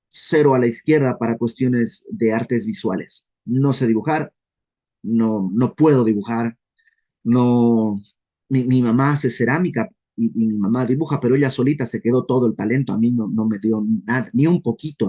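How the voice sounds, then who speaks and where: A man with a Mexican accent leading a casual verse-by-verse Bible study, lively and self-deprecating, often acting out questions in quoted voices. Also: mid-range voice, normal speed, highs cut off. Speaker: Bible teacher.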